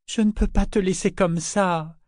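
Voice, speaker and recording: A distraught young woman who cries out in high, strained bursts, her voice jumping well above the reader's own, as a man reads her part. It is a close, dry audiobook recording. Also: animated, a little slow, a little mellow, no room sound. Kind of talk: audiobook character voice.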